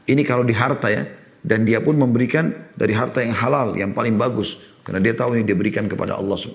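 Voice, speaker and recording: A middle-aged man preaching a sermon, earnest and explanatory, with emphatic bursts and quoted Arabic phrases. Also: medium pitch. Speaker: Islamic preacher.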